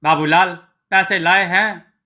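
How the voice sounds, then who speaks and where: Man doing a bossy village headman, commanding, contemptuous, high bright voice, storybook tale. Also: fairly even intonation, a little slow, full character voice. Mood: domineering. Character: domineering, scornful male village headman.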